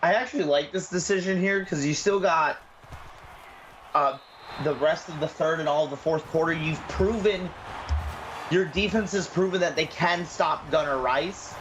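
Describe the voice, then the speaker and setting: A man doing color commentary for an online football game, offering relaxed analysis with a bit of self-deprecation. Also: a little high, moderate pace, background noise. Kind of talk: sports commentary.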